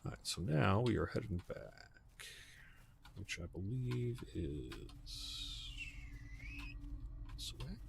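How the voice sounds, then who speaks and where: A man's voice: on the low side, sing-song, slow, vocal fry, long pauses, background noise. A man hosting a gaming livestream, chatting casually and thinking aloud in an easygoing way as he answers viewers. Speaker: livestream host playing a game.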